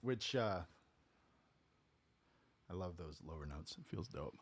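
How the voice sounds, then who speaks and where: Step by step and in no hurry, a man explains a talk box technique during a casual tutorial at his home music studio. His voice sits low and his pace is slow, and he stays relaxed, often asking "right?"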